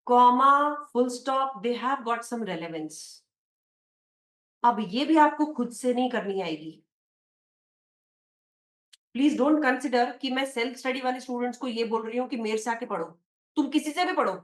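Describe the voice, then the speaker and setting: A woman with an Indian accent lectures exam candidates, switching between Hindi and English. She talks slowly and deliberately in a slightly high voice and keeps testing her students with questions. The room around her sounds echoey. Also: lively intonation. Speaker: teacher.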